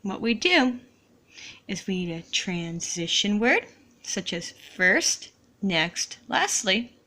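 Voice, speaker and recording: A woman teacher slowly modeling how to write sentences for young students, in a deliberate, encouraging classroom manner. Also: mid-range voice, very animated, pushed and bright.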